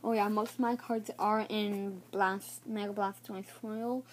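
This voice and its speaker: Casual woman vlogger, slow and hesitant, slightly high voice, faint room hum behind. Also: fairly even intonation. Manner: halting, unsure naming of items. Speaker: card showcase vlogger. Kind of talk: casual card showcase.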